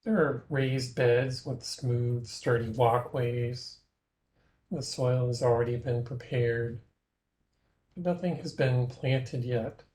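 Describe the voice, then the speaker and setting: A man leads a meditation in a very soft-edged, dark, mellow voice of middling pitch, his tone steady. He speaks gently in measured phrases with long pauses between them, inviting the listener to imagine.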